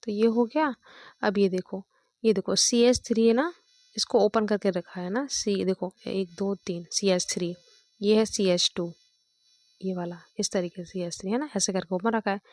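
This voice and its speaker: A woman's voice: mid-range voice, steady tone, normal speed, no room sound. A woman chemistry teacher explaining step by step, counting aloud and checking in often with her students. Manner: counts out loud, checks with "thik hai" and "dekho".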